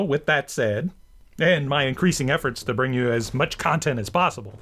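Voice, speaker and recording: A man with a medium, slightly bright voice hosts a rant and commentary show, delivering scripted remarks in wordy, bookish language. Music plays behind him throughout.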